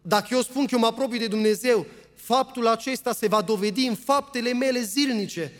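A man with a high voice preaches a sermon, reading long passages of scripture aloud. He talks earnestly and keeps putting questions to his listeners. His voice rings out with a long reverb, as in a church hall. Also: fairly bright tone. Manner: earnest, asks the congregation rhetorical questions; reads scripture aloud at length.

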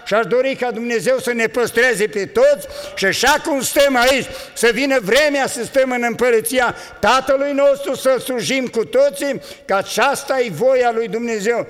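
A man's voice: extremely high pitch, few pauses, a bit bright, in a large hall. An older man preaching an earnest sermon to a congregation, exhorting them and recounting visions.

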